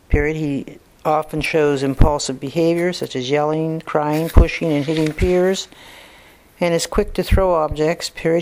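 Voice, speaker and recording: A clinician dictating a report, speaking punctuation marks aloud and spelling out names, steady and matter-of-fact with occasional fillers. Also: mid-range voice, low-quality recording.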